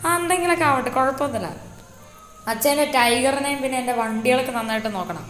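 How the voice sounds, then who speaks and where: A woman voicing a cocky young son in a game story, loud and brash. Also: sits high, fast, roomy sound, faint music behind.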